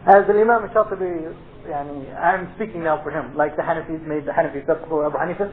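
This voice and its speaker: A man lectures informally as an Islamic studies teacher, explaining point by point with frequent checks and Arabic terms. His voice is high, on a thin phone-like tape with faint noise. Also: fairly even intonation, fast. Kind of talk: informal lecture with question and answer.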